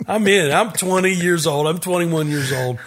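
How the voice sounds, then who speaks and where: Laid-back man telling stories, fairly high voice. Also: normal speed. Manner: relaxed, laughing, trailing restarts. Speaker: guest musician. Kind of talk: casual interview storytelling.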